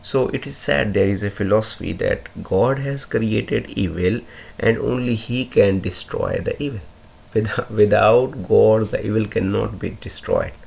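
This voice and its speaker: Slow, gravelly-voiced man teaching poetry. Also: on the low side, darkish tone. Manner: hesitant, many fillers and self-corrections. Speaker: literature teacher. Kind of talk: informal poetry analysis lesson.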